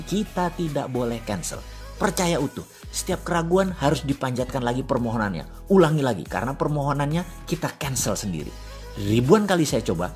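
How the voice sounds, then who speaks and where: Man narrating a personal story with music. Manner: reflective storytelling, rising pitch when quoting his own doubts. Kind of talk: scripted first-person narration. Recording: faint background music.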